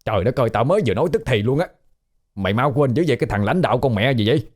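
A man's voice: lowish voice, lively intonation, normal speed, a little mellow, lightly acted. A man doing a brash crude old ghost. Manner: blunt, teasing, crude slang. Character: brash coarse century-old male ghost.

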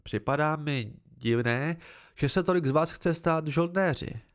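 A man's voice: mid-range voice, big pitch swings. A man voicing a young male student who asks polite, cautious questions in an amateur audiobook reading. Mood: earnest.

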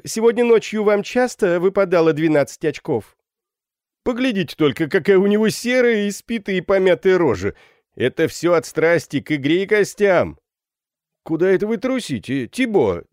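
A man voicing a crowd of unruly young male students who heckle and shout, pitched far above his own voice and loud. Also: dry recording, studio quality. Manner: shouting, mocking.

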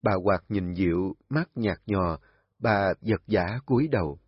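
A man narrating a family drama in an expressive, melodramatic storytelling manner. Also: deep voice, unhurried, slightly rough, no echo. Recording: dull lo-fi recording.

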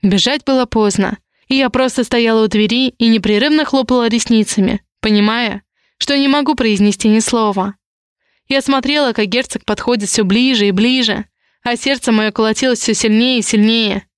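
A woman narrating a first-person romance audiobook with a steady, expressive reading. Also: fairly high pitch, moderate pace, smooth, no echo, studio quality.

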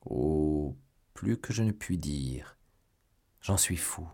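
Ardent young Gascon swordsman, read by a deep-voiced man. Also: animated, slow pace, vocal fry, warm tone, full character voice. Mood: gallant. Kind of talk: audiobook character reading.

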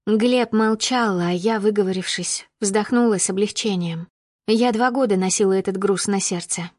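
A woman narrating a first-person audiobook with steady storytelling that rises with emotion in dialogue. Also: medium pitch, moderate pace, no room sound, clean studio sound.

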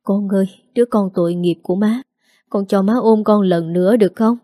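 A woman voicing a frail, remorseful old mother near death in a narrated story. She speaks slowly, faltering through tears. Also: medium pitch, warm tone, dry recording, studio quality, natural voice. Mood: tender. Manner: slow, faltering, tearful.

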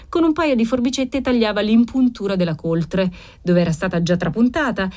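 An audiobook narrator, a woman with a medium-pitched voice, reads a classic novel aloud in a measured, expressive way.

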